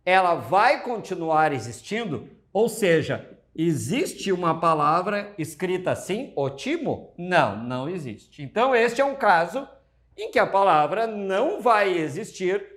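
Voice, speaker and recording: A man's voice: high-pitched, big pitch swings, a little slow, fairly bright tone. A male Portuguese teacher with a Brazilian accent giving an exam-prep lecture, talking emphatically and addressing his students directly.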